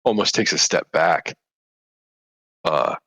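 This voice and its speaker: A man's voice: low-pitched, slow, fairly bright tone, dry recording, low-quality recording. A man narrating a tabletop role-playing game as game master, hesitant with many fillers.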